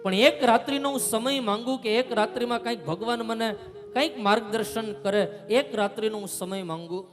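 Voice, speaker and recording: A man's voice: sits high, normal speed, lightly acted. A man doing a humble old Brahmin priest. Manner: humble, anguished. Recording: reverberant hall with music behind.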